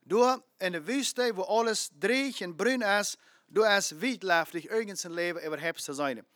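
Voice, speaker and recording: A man's voice: sits high, moderate pace, a bit bright, dry recording, studio quality. A man preaching a sermon, emphatic, repeating phrases and asking rhetorical questions.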